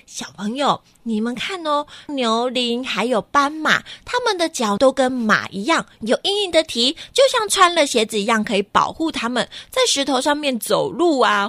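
A woman reading a picture book aloud to children, animated and asking them questions. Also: fairly high pitch, moderate pace, hardly any pauses, dry recording. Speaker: storyteller.

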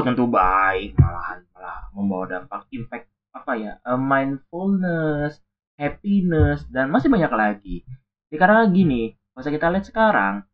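A young man rants through a casual podcast monologue, dropping English words and restarting phrases as he goes. His pitch swings widely. The recording sounds dull and lo-fi. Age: young adult. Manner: animated, ranting, sprinkles English words, frequent restarts. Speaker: podcast host.

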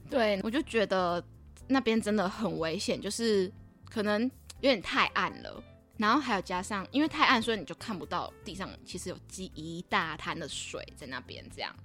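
A woman's voice: mid-range voice, moderate pace, faint music behind. A young woman co-hosting a casual podcast, telling a story with lots of laughter and acted-out quoted lines. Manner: animated, laughing often, acts out quoted lines. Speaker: podcast co-host.

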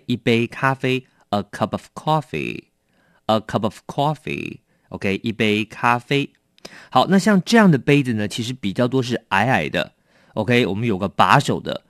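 Lively-voiced man teaching vocabulary. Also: medium pitch, no echo, studio quality. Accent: Taiwanese Mandarin. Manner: explains patiently, repeating each word slowly. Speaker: English teacher. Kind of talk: vocabulary lesson.

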